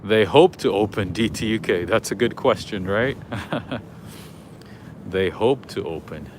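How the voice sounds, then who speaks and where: A man's voice: fairly low pitch, expressive, a little slow, a little hiss or hum. Chatty man livestreaming a city walk. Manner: chatty, greets viewers by name. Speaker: livestream host. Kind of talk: live walking-tour commentary. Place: outdoors on a city street.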